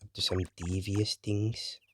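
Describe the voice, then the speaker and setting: Low-voiced man in casual game commentary. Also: a little slow, noisy background. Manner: relaxed, rambling explanations. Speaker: gaming channel host. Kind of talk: casual let's play commentary. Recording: game music playing loudly. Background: game music.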